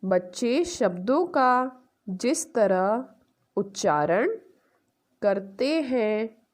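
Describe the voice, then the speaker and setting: A woman's voice: on the high side, sing-song, very slow. A woman teacher giving an online grammar lesson to young pupils, explaining step by step and asking the class questions before answering them herself. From India. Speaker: school teacher.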